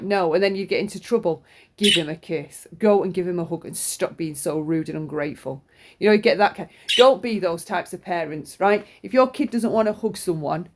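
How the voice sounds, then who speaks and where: A middle-aged woman, chesty with flu, gives an informal, opinionated monologue in a blunt, sweary, emphatic way, often repeating herself. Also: on the low side. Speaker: true-crime commentator.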